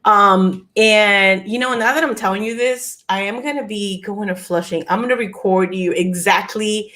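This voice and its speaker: She's a forty-something co-host from Peru, chatting casually over a video call about something that happened to her. The pace is moderate and the voice mid-range, with lots of laughs, fillers and restarts in her animated telling.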